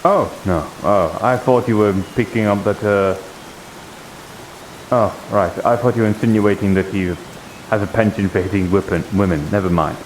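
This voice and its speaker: Here a man improvises roleplay lines as a streamer in a VR game, hesitating as he thinks out loud. His voice is fairly low and moderately paced, and a rain-like hiss makes the audio clearly noisy.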